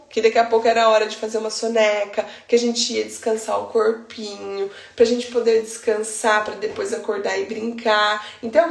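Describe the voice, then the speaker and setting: A woman's voice: on the high side, vocal fry, echoey room. A Brazilian woman, a baby sleep consultant, explaining routines in a chatty way, often checking in with the listener. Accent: Brazilian Portuguese. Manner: chatty, explains with homely examples and frequent tag questions. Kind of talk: informal teaching monologue.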